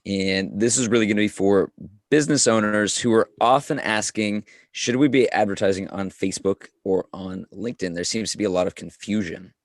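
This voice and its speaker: A hoarse man co-hosting a live show, chatting casually and good-humored. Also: lowish voice, brisk, dry recording, studio quality. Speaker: co-host.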